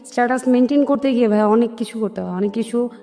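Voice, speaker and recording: With a Bangladeshi accent, a woman gives an animated account of her own life in an interview, quoting family dialogue and using some English words. Her voice is on the high side and her pace quick. The audio has a long hall reverb with music underneath.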